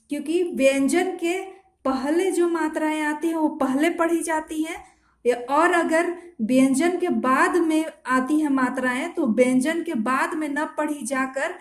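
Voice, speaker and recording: A woman teaching shorthand step by step, repeating each sound and quizzing the listener as she writes. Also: high voice. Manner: slow, repeats each sound and asks "what to read?". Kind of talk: step-by-step spoken lesson while writing. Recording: echoey room.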